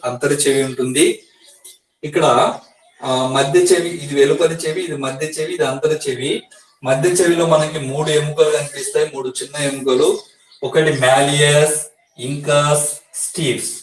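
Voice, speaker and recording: A man's voice: on the high side, fairly even intonation, moderate pace. Teacher man, echoey and far off. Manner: explains step by step, repeats key facts to memorize. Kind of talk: exam-prep science lesson. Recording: echoey room, voice from a distance.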